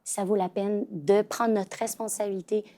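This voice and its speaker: A woman in her thirties with a Québécois French accent shares family stories as a talk show guest, her voice medium-pitched, dark and steady at a moderate pace. It's casual chat, packed with fillers and restarts.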